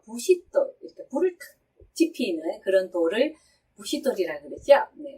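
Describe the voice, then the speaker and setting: Woman, French teacher, patient lesson, lively rising and falling pitch, unhurried, slightly distant mic. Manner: patient, explains step by step, reads French slowly. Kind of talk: song lyric pronunciation lesson.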